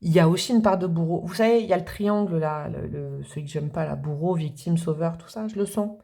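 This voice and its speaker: A woman's voice: fairly low pitch, fairly quick, gravelly, warm tone. A woman giving a casual tarot reading, talking straight to her viewers and thinking aloud as she goes. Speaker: tarot reader.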